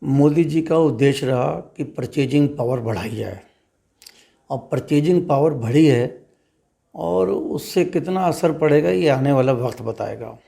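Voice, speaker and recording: Gravelly mellow-voiced man answering questions. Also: fairly high pitch. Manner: measured, emphatic, uses rhetorical questions. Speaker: trader association leader interviewed as guest. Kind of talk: interview answers.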